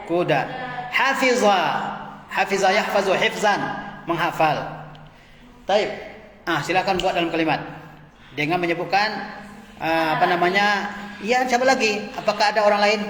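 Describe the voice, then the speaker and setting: A man's voice: high voice, a bit bright. A man teaching an Arabic grammar class, explaining words patiently with light chuckles. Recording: echoey room with long reverb.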